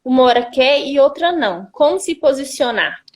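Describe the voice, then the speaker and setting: High-voiced woman reading out questions. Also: lively intonation, normal speed. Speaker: co-host reading viewer questions. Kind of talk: live talk co-hosting.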